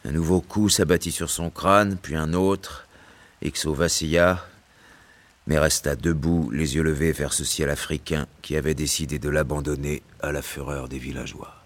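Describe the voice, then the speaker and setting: A man's voice: extremely low pitch, fairly even intonation, normal speed. An actor playing a novelist who narrates his adventure tale in literary style for a radio drama. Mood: grave, dramatic.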